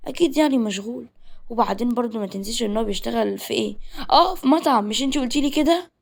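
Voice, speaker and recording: A woman's voice: fairly high pitch, racing, creaky. A woman voicing a practical young Egyptian woman reassuring her friend in a matter-of-fact way. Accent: Egyptian Arabic.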